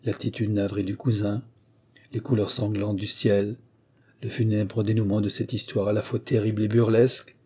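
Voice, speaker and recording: A man reading a nineteenth-century short story aloud in a measured storytelling manner. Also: lowish voice, little pitch movement, warm tone, husky. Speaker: audiobook reader. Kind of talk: scripted literary narration.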